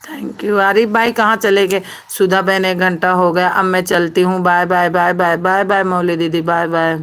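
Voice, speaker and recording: A woman's voice: on the low side, level tone, moderate pace, fairly bright tone, smooth. Woman on a phone live, greeting viewers one by one, lots of laughing. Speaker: live stream host. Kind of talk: casual live-stream chat reading comments.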